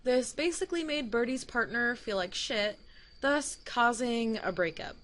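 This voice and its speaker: A woman's voice: on the high side, unhurried, fairly bright tone. A young adult woman giving a casual, digressive rant to camera, laughing mid-sentence and swearing now and then. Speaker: YouTuber.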